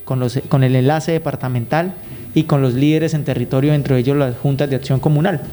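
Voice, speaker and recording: With background noise behind him, a Colombian man from Guaviare talks briskly in a medium-pitched voice with fairly even intonation. He is a youth program consultant on the radio as a guest, answering earnestly and conversationally. Now and then he gropes for his words.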